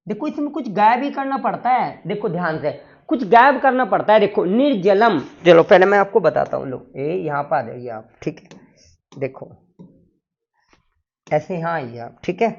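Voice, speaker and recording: A man's voice: high voice, animated, normal speed, gravelly, lo-fi sound. A man teaching a Sanskrit grammar lesson, drilling the class with repeated questions and answers.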